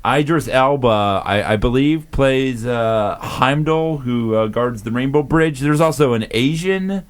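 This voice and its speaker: A man's voice: medium pitch, unhurried. A man co-hosting a casual comedy podcast, rambling with restarts and fillers. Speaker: podcast co-host.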